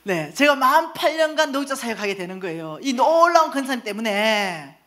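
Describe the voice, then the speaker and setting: Animated woman telling church testimony. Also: on the high side, a little fast. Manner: animated storytelling, acting out quoted voices. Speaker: church lay minister and lecturer. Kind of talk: testimony in a church finance seminar.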